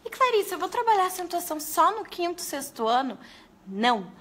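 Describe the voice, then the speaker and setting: A woman, a pedagogue, giving a lively live lesson to teachers and talking straight to her viewers. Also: extremely high pitch, a little fast. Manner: lively, animated, addresses viewers as "gente".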